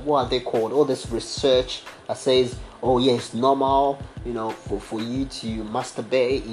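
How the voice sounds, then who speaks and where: A young man sharing a personal faith testimony in casual, slangy talk full of fillers and restarts. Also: medium pitch. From abroad, studied as international student. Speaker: podcast guest sharing testimony.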